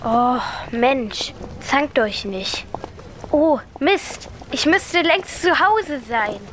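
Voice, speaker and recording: A woman voicing an excitable young girl fan. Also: sits high, very slow, a little hiss or hum, heavily acted. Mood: excited.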